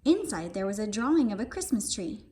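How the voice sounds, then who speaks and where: A woman reading a children's picture book aloud in an expressive, sing-song way. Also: mid-range voice, brisk. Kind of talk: storybook read-aloud.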